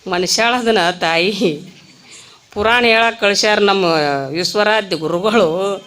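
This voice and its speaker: North karnataka lady preacher cracking jokes in a temple talk, bright sharp voice, chatty with the crowd. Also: mid-range voice. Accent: North Karnataka Kannada. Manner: lively, storytelling, rustic, quick asides to the audience. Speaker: spiritual preacher. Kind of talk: comic religious discourse.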